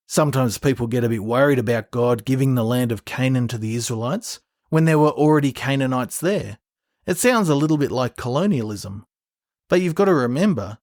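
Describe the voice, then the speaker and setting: A man's voice: mid-range voice, darkish tone, no room sound, studio quality. A man, a podcast host, teaching from the Bible in an earnest, explanatory scripted narration, reading passages aloud.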